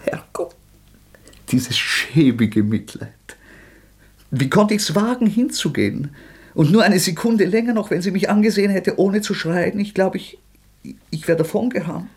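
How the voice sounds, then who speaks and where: An actor playing a tormented young murderer in a radio drama, swinging between bitter mockery, feverish outbursts and hushed whispers, with a gravelly, husky voice. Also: male voice, mid-range voice, animated, measured pace, pauses often, exaggerated voice.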